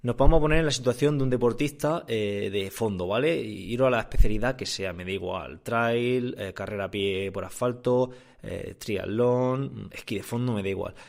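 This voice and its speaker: A man's voice: lowish voice, moderate pace, gravelly, hardly any pauses, darkish tone. Conversational man hosting a sports podcast. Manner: conversational, often repeats and rephrases. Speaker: podcast host and endurance sports coach. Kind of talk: casual explanatory solo podcast talk. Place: room indoors. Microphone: condenser microphone.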